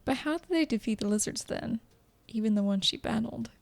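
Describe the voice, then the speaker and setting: A woman's voice: a little high, lively intonation, fairly quick, vocal fry. A woman reading a video game story aloud as dramatic narration. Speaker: gameplay commentator and narrator.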